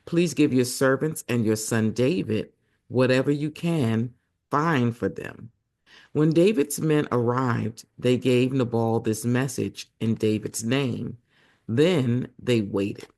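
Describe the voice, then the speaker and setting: A man reading the Bible aloud as a host, hoarse and losing his voice, breaking off for chatty asides to his viewers. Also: medium pitch, slow, darkish tone.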